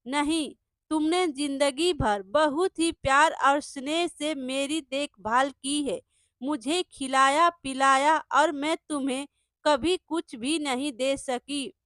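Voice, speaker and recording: Gentle dying mother goat, as a woman narrator voices her. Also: high voice, slow pace, no echo, studio quality. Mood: tender farewell. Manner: soft, tender farewell speech.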